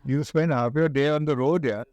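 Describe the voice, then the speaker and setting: An older man speaks with a posh, educated Indian accent in a relaxed, mellow tone. He answers like an interview guest, deliberate and emphatic, often repeating a phrase to drive it home. The sound is very dry, with hardly any room in it. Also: a little high, dry recording, dull audio. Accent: educated upper-class Indian.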